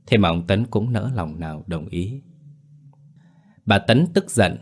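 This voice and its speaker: Very deep-voiced male storyteller. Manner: grave, dramatic storytelling. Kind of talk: scripted horror story narration.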